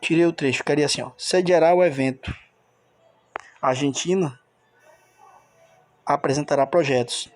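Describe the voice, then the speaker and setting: A man's voice: fairly high pitch, normal speed, long pauses, darkish tone. A man teaching a recorded grammar lesson, explaining step by step and checking in with the listener.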